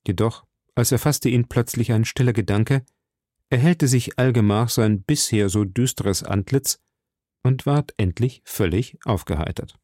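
A man reading a novel aloud as narrator, in a calm, even storytelling manner. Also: mid-range voice, unhurried, dry recording, clean studio sound. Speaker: audiobook reader. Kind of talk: scripted narration.

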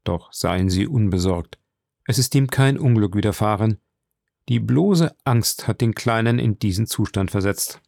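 A calm, courteous count, voiced by a man, speaks low and measured in an audiobook. The voice has a gravelly grain and sits dry and close to the mic. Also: no room sound. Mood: reassuring. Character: calm, composed noble count, middle-aged man. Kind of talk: audiobook reading.

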